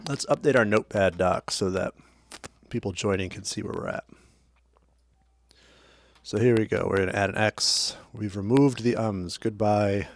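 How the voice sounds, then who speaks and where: On a casual screen-share tutorial, an audio editing host walks through his podcast editing steps, narrating each click as he works. His voice sits on the low side with no room sound. He's chatty and keeps correcting himself.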